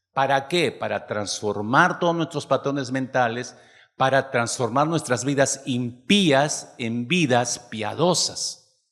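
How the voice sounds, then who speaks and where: A man's voice: medium pitch, fairly bright tone. A man preaching a sermon, often asking the congregation rhetorical questions. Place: church hall. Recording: long hall reverb.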